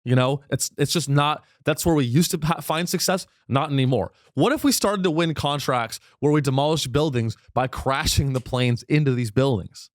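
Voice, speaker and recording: A man runs his own podcast with a rambling, irreverent, profane comedy monologue, barely pausing at a normal speed. His pitch shoots up suddenly as his voice wears out. Recorded in studio quality, with no room sound.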